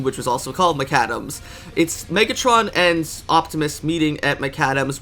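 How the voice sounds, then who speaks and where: Congested man with a bright, forceful voice. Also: a little high. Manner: eager, enthusiastic, self-correcting. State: congested, stuffy nose. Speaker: video reviewer. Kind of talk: casual review commentary.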